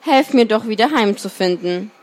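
A woman's voice: mid-range voice, lively intonation, normal speed, lightly acted. A woman voicing a sly, frightened male fox who pleads and makes excuses in a storybook reading. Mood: pleading.

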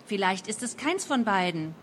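A woman voicing a pushy, sensible teenage girl who urges her best friend on in brisk, direct lines. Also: medium pitch, big pitch swings, slight background noise, lightly acted. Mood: urging. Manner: brisk and urging.

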